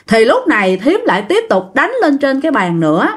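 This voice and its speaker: A woman's voice: high voice, wildly swooping pitch, a little fast, slightly rough. A woman casually telling a ghost story, chatting directly to her listeners.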